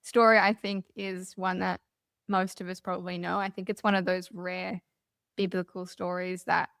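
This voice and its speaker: A woman's voice: fairly low pitch, flat delivery, moderate pace, gravelly, a bit bright, smooth, dry recording, studio quality. A woman hosting a podcast, asking questions in a conversational, thoughtful way. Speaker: podcast host. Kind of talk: podcast interview.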